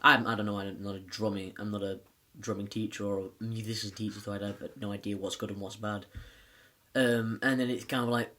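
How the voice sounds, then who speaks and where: A man's voice: fairly low pitch, level tone, fairly quick, bright, forceful tone. A man casually reviewing a film, rambling with lots of fillers and restarts.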